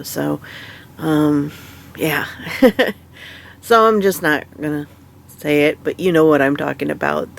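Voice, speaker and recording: Tired stuffy-nosed woman with gravelly fry. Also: deep voice. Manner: rambling, halting, many fillers and restarts. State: stuffy nose; tired, half awake. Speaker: vlogger. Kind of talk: casual rambling chat. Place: in bed at home.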